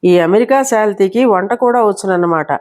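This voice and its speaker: A sarcastic, impatient young man, voiced by a woman storyteller, curt and mocking. His questions jump up high and sharp. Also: normal speed, lightly acted.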